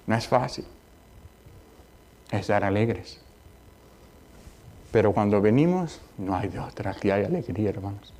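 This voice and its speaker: Spanish-speaking pastor preaching conversationally. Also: male voice, animated, unhurried, pauses often. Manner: conversational preaching with personal anecdotes, often asking "¿entiendes?"; rises high and loud in exhortation, drops quiet in storytelling. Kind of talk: sermon. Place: church sanctuary.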